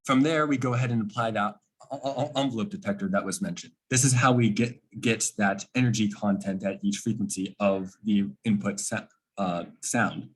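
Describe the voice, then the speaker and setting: A man with a slightly husky voice, on the low side, speaks at a moderate pace in a steady tone. He gives an informal technical explanation like a student presenting a project, asking questions and then answering them himself.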